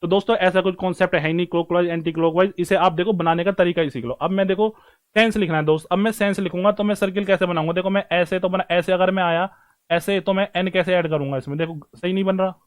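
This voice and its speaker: A man's voice: sits high, steady tone, fast, smooth. A man teaching stenography in an online class, talking to his students as brothers and friends while he writes strokes and explains them.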